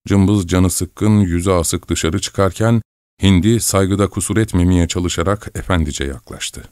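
A man narrating an audiobook in a measured, expressive first-person storytelling manner. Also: low-pitched, clear, resonant tone, no echo, studio quality.

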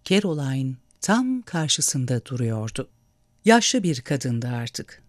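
Expressive male storybook narrator. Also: medium pitch, no echo, studio quality. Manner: measured, expressive reading.

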